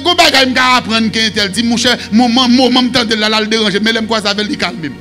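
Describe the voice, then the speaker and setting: A man with a Haitian accent preaching a sermon as pastor, shouting and singing some phrases. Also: very high voice, fast talker, faint music behind. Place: church.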